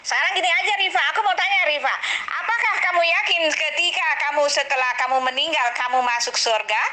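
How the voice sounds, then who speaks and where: A woman's voice: high-pitched, brisk, sharp tone, low-quality recording. A woman scolding and taunting her opponent in a voice-chat debate. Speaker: debater in an online religious debate room.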